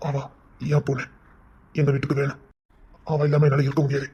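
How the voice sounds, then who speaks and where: A man's voice: medium pitch, completely flat delivery, brisk, dark tone, breathy edge, close to an everyday voice. A man voicing a domineering young man from a gangster family who insists on marrying a girl. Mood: insistent. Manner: commanding, insistent. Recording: dull lo-fi audio.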